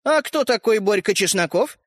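A touchy little fairy-tale hero who lectures and sulks, as a male reader puts him on. He talks high and bouncy, full of swings in pitch. The reading is dry and close. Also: lively intonation, no echo. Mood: huffy. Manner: huffy, lecturing, quick to take offence. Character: touchy boastful tiny fairy-tale man.

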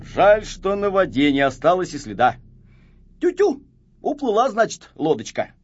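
A man's voice: high-pitched, huge pitch swings, moderate pace, husky, voice pushed up, heavily acted. A man voicing a cocky, boastful little boy shorty who talks confidently and bossily, on a slightly dull recording. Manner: confident, bossy.

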